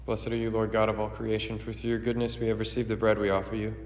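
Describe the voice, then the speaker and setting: Solemn priest in cathedral-like echo. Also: male voice, on the low side, completely flat delivery. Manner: measured, reverent, formal recitation. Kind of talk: solemn liturgical prayer. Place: large echoey church. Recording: cathedral-like echo, long hall reverb.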